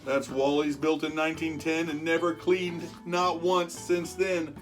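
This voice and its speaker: A storyteller with a medium-pitched voice reads a rhyming picture book aloud to children at a measured pace over soft background music. The read-aloud is animated and expressive, with words stretched for emphasis and asides chatted to the young listeners.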